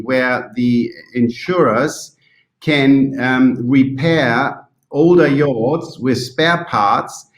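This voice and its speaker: A man from Germany with a German accent speaks in a very roomy, echoing recording. His pitch is mid-range. He gives thoughtful interview answers haltingly, searching for English words as if translating from his native German. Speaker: interview guest from the yachting industry.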